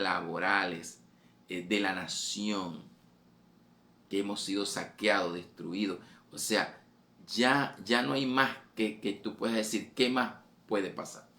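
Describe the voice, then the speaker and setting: A male preacher with a low, gravelly voice delivers a fervent sermon. He repeats his phrases and lifts his voice when he urges his listeners on. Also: pushed and bright. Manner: fervent, repetitive, voice rising on quoted exhortations.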